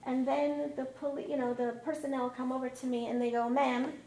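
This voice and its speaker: A high-pitched woman in her thirties tells a personal story, heard from a distance in a roomy space with faint ambience behind her. She talks in a lively way and acts out the quoted lines in a raised, excited voice. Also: brisk, slight background noise. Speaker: mother recounting a car accident.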